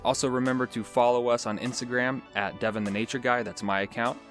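A man's voice: medium pitch, flat delivery, quick pace, a bit bright, soft background music. A man hosting a nature show, explaining animal facts in a casual, joking way with chatty asides. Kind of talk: casual educational podcast talk.

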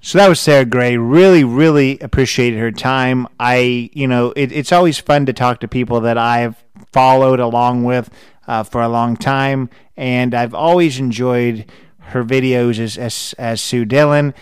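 Rambling male podcast host, smooth voice. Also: mid-range voice, fairly even intonation, measured pace, no room sound. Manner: rambling, with many restarts. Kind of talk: casual interview chat.

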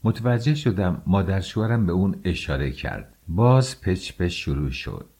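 A man with a very deep, husky voice narrates a novel as an audiobook. His reading is measured and expressive. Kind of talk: scripted narration.

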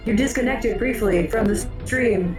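A woman playing in a livestreamed tabletop game, answering in a polite, measured way. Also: fairly high pitch. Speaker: player. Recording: echoey room with music.

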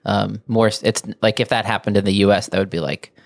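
A man's voice: lowish voice, quick pace, creaky, no room sound, clean studio sound. A man hosting a casual conversation, asking curious questions and joking along. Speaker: host. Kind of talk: casual chat.

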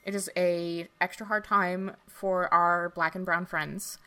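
A woman's voice: fairly low pitch, little pitch movement, takes it slowly, pushed and bright, clean tone. A woman co-hosting a podcast in casual chat, rambling with lots of filler words. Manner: chatty, lots of likes and you-knows. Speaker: podcast co-host.

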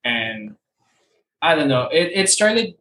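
A man's voice: a little high, big pitch swings, slow, pushed and bright, roomy sound, low-quality recording. A young man co-hosting a casual movie chat, rambling and opinionated with lots of fillers. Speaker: podcast co-host.

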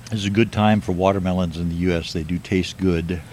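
An older man slowly musing in a plain, matter-of-fact way while filming himself outdoors. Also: low voice, fairly even intonation. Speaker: video maker. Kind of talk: rambling self-filmed monologue. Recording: noisy outdoor video clip.

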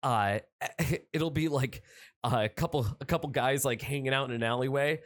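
A man chatting casually as a podcast host, retelling a cartoon episode in a rambling, excited way full of fillers and restarts. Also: mid-range voice, normal speed. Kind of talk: casual chat.

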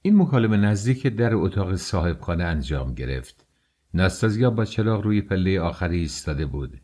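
Deep-voiced male audiobook narrator. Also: very animated, a little mellow, breathy edge. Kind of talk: scripted narration.

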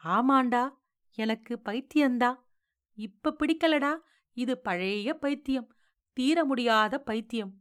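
A woman's voice: sits high, lively intonation, a little slow. A woman voicing a grieving old grandmother. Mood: bitter, pleading. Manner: scolding, pleading, tearful questioning. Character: grieving old grandmother, sharp-tongued widow.

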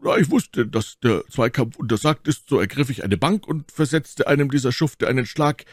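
A man reading an audiobook, voicing a blunt, hearty musketeer with a slow, emphatic delivery. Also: medium pitch, lively intonation, dry recording, studio quality, pitched above the performer's own voice, lightly acted. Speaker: audiobook reader.

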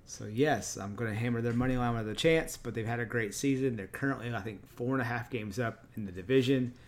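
A man's voice: mid-range voice, fairly quick. A man from Texas with a Texan accent, hosting a solo podcast in a casual, chatty way and correcting himself as he goes. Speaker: podcast host.

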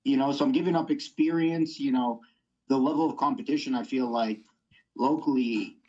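Blunt, profane young fighter. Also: male voice, medium pitch, normal speed, a little mellow, lo-fi sound. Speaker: MMA fighter guest. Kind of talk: casual interview.

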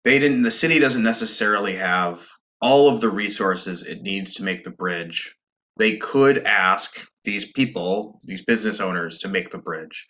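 A man's voice: fairly low pitch, moderate pace, sharp tone. A man co-hosting a podcast, explaining things casually and often rephrasing as he goes. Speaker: podcast co-host.

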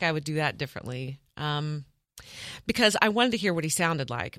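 A woman's voice: deep voice, sharp tone, dry recording. Woman recounting a family story, dry sound. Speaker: interview guest. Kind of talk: telling a personal story.

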